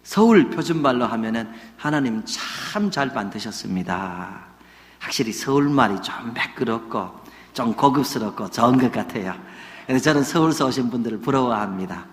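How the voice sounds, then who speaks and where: A man from the Gyeongsang region preaching a sermon as senior pastor, animated and playful, slipping into regional dialects for humor. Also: mid-range voice, brisk, long reverb tail. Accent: Gyeongsang Korean. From Gyeongsang region, Korea.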